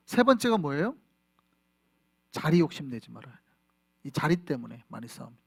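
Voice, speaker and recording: Preaching at a Flushing, New York church, this middle-aged pastor keeps things conversational and often asks his congregation questions. He has a high voice, recorded dry with clean studio sound.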